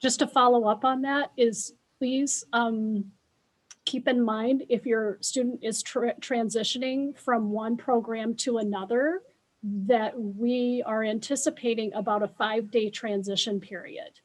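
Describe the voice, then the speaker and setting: An American woman hosting an informational webinar as a school official, speaking in a measured way with pauses for an interpreter. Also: a little high, fairly even intonation, low-quality recording.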